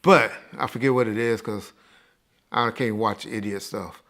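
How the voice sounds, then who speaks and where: Reminiscing and chatting, an American man hosts a podcast in loose, slangy, emphatic speech. He sounds lowish and steady, a touch bright, and never hurries.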